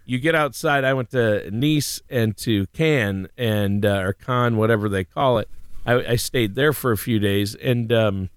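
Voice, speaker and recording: A man's voice: mid-range voice, a little slow, clear, resonant tone, no echo. A man co-hosting a podcast, chatting casually with blunt, opinionated asides. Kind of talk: casual chat.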